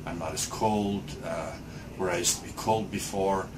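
A man's voice: deep voice, moderate pace, background noise. A man in his sixties, speaking hesitantly with many fillers and restarts while giving a patient testimonial in a small clinic room. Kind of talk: casual interview answers.

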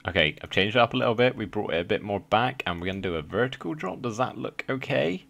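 Young male gaming host, low voice, slight lisp, chatty and rambling, thinks aloud with ums. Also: lively intonation, quick pace, creaky, a bit bright. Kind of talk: casual let's play commentary.

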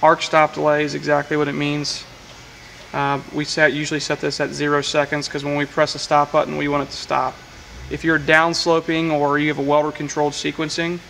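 A man with a somewhat high, gravelly voice explains a control panel step by step, matter-of-fact and flat in tone. He speaks in a workshop with faint machine-shop noise behind him, picked up by a camera mic. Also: low-quality recording. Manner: plain, matter-of-fact explaining with frequent uh fillers. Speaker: welding equipment technician. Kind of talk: hands-on equipment demonstration. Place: workshop beside a welding machine.

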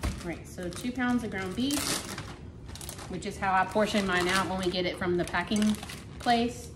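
A middle-aged home cooking vlogger chats casually while cooking in her kitchen, thinking aloud as she works. Her medium-pitched voice moves at a normal speed. A camera on the counter picks up background noise and the clatter of dishes and pans.

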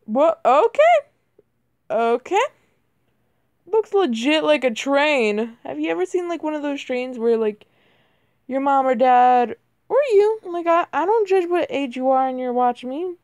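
With a high voice and lively intonation, a woman narrates her mobile gameplay at a measured pace, her voice cracking while she says "bro" and "like" nonstop, quick to get flustered and tease herself. Her tone is darkish, and the recording is dry and studio quality.

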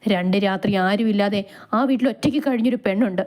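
A woman's voice: mid-range voice, fast, a little mellow, lightly acted. A protective older mother in a storybook, fierce and grieving at once, voiced by a woman narrator. She speaks with unbending resolve. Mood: resolute.

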